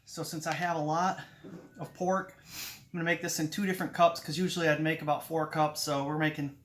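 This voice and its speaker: A man's voice: a little high, little pitch movement, fairly quick, a bit bright. A man hosting his own cooking video, chatty and upbeat, talking through each step at an outdoor grill. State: eyes runny from grill smoke. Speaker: cooking channel host. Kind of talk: casual cooking how-to vlog.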